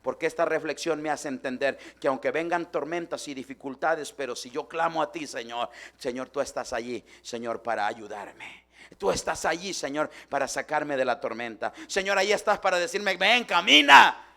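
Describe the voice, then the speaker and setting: A man preaching a fervent Pentecostal sermon in a church, constantly calling out to his brothers and swinging from hushed to shouting. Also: medium pitch, normal speed. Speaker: pastor.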